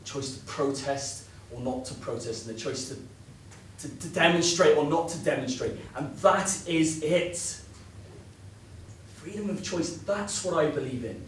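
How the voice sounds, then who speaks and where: A man's voice: fairly high pitch, unhurried, slight background noise, close to an everyday voice. Hardened British soldier, man acting it, blunt and clipped; stage sound, very roomy and distant. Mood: earnest. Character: stern hardened male British soldier guarding prisoner. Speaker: stage actor. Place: theatre stage. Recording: echoey room from far off.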